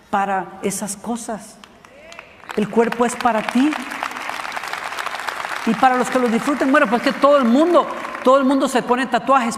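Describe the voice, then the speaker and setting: A man preaching a sermon as a pastor, telling a Bible story in an animated way and acting out the voices of its characters. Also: very high voice, in a large hall. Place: church sanctuary.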